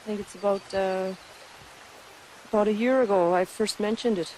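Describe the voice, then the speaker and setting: A woman's voice: mid-range voice, fairly even intonation, moderate pace, a little mellow, slight background noise. Chatty woman in her thirties recalling a childhood memory. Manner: casual, chatty, with small laughs. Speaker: interviewee, daughter. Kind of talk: casual spoken recollection.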